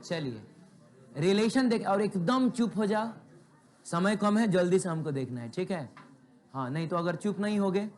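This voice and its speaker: A man teaching physics in a classroom, asking the students rhetorical questions and telling chatty ones to be quiet. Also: a little high. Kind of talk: classroom lecture.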